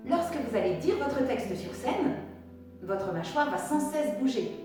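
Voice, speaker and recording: A woman drama teacher leading an acting warm-up, giving clear step-by-step instructions and demonstrating diction drills. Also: on the high side, very echoey, recorded from a distance.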